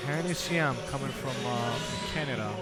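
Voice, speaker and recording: A man giving casual live fight commentary in a hesitant, halting way. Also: medium pitch. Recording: loud music behind the voice.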